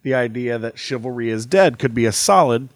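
A man's voice: mid-range voice, lively intonation, fairly quick, no echo, clean studio sound. A man co-hosting a podcast, chatting casually and thinking aloud with many fillers and restarts. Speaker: podcast co-host. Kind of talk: casual chat.

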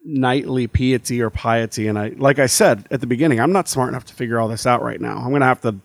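A man of ordinary pitch co-hosts a podcast in loose, rambling chat, full of fillers and restarts as he works things out aloud. His voice sounds close and dry, with no room around it. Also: fast, gravelly, no echo. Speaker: podcast co-host. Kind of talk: casual chat.

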